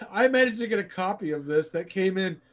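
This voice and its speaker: A high-pitched man chatting casually about horror films. He rambles, laughs a lot and throws in crude jokes as a podcast co-host. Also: expressive, normal speed. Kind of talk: casual horror movie chat.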